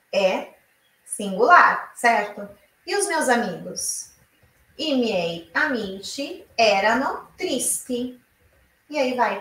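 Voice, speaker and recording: A woman from Brazil teaching an online Italian lesson, explaining slowly and repeating each example aloud. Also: fairly high pitch, fairly bright tone, roomy sound, distant mic, a little hiss or hum, low-quality recording.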